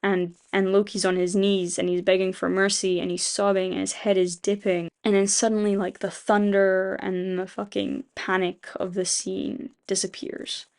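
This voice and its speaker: A woman talks through a story she wrote, in a loose, rambling way full of fillers and restarts. She swears casually and keeps circling back to explain each detail. Her voice sits at an ordinary middle pitch. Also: little pitch movement, moderate pace, hardly any pauses, darkish tone. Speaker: video creator. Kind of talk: casual retelling of a fan rewrite.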